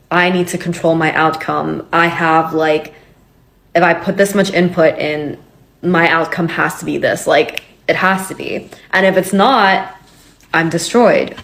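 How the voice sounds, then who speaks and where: Speaking at a fairly low pitch, a young adult vlogger from Hong Kong shares her personal story. Her manner is candid and chatty, packed with fillers.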